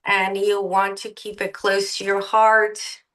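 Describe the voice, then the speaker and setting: A woman co-hosting a spiritual reading, offering warm advice about healing stones. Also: medium pitch, monotone, slow, rough recording. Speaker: tarot reader co-host.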